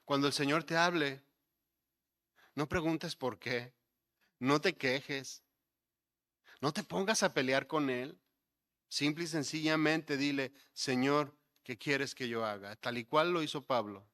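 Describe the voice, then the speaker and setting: A male pastor preaching a sermon, building to emphatic points and dropping to soft, low asides. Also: measured pace, pauses often. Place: church sanctuary.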